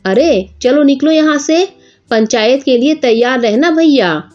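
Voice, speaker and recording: A woman's voice: sits high, expressive, measured pace, a little mellow, muffled recording, soft background music. A woman voicing a stern middle-aged village father who scolds and counts money.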